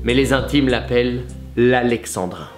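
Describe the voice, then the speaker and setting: A man's voice: medium pitch, moderate pace. A man presenting a lesson, explaining with playful examples and theatrical recitations. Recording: echoey room with music behind.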